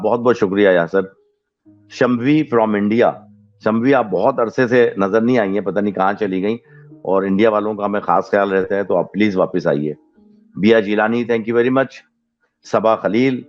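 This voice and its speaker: A man hosts a casual horror podcast, his voice low and easygoing as he thanks listeners one by one. The recording is dull and lo-fi, with faint music under it. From Pakistan. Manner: relaxed, chatty, mixes in English thank-yous. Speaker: podcast host. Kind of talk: casual chat reading listener comments.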